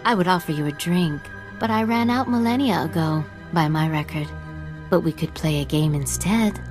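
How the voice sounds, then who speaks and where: A woman with a fairly low, natural voice at normal speed, music playing behind her, voices a playful, lonely ancient female spirit in a video game. Whimsical and teasing, the spirit coaxes a visitor into a game of questions.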